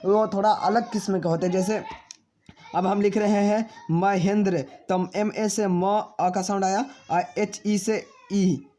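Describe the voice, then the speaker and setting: Speaking to viewers as his friends, this spelling teacher has a high-pitched, dark voice held in a steady tone. He spells names out slowly, one letter at a time, and supplies the answers to his own questions.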